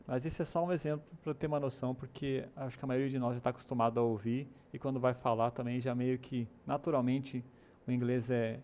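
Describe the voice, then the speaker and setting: A man's voice: mid-range voice, level tone, fairly quick, a little mellow. A man with a Brazilian Portuguese accent, explaining English stress and pronunciation in an online lesson, often checking in with short tag questions. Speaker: English teacher.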